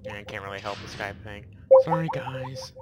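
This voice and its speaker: A man's voice: fairly low pitch, animated, moderate pace, over loud music. A young man chatting casually and swearing while playing a strategy game with friends. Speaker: gamer host. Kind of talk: casual gaming chat. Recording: loud keyboard and mouse clicks.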